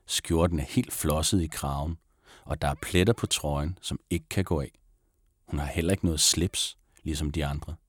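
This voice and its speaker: A man narrating a children's audiobook in a calm, measured way. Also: extremely low pitch, husky, no room sound, studio quality. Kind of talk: audiobook reading of a children's book.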